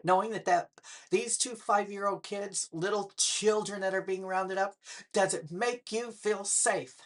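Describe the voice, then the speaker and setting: An older woman who runs a political vlog speaks directly to the camera in a mid-range voice, a little slow. She fires off pointed rhetorical questions with a sarcastic edge.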